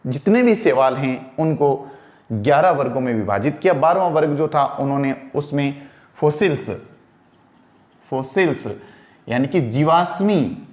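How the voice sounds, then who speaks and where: A man teaches a science class. His voice sits a little high and his pace is slow and deliberate. He asks questions and answers them himself, and spells terms out as he writes. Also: animated, darkish tone. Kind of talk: classroom lecture.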